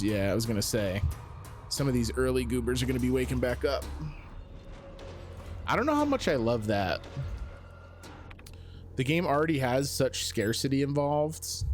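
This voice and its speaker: A man giving casual video game commentary as a streamer, thinking aloud in a musing, self-questioning way. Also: medium pitch.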